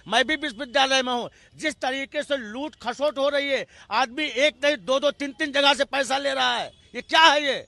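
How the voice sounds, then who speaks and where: Impassioned male party spokesman, bright forceful voice, piling up rhetorical lists. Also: very high-pitched, creaky, no echo. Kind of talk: heated TV debate argument.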